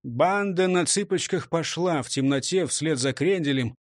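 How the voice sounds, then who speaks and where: A man narrating a children's story in an animated, expressive reading. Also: fairly high pitch, moderate pace, no room sound, studio quality.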